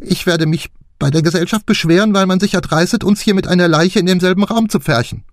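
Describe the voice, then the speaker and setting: A man voicing a haughty aristocratic lady who protests in a shrill, indignant voice. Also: brisk, darkish tone, dry recording, clean studio sound, close to an everyday voice.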